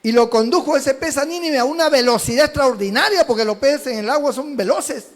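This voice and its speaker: A pastor from Peru preaching a sermon, telling stories with animated swings from shouts to hushed asides. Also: male voice, extremely high pitch, brisk. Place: church.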